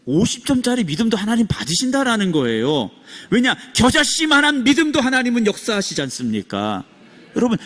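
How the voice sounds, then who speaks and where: A man preaching a sermon as senior pastor, asking the congregation questions, acting out quoted lines and swinging between loud rising exclamations and hushed whispers. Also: high-pitched. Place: church sanctuary. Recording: long church reverb.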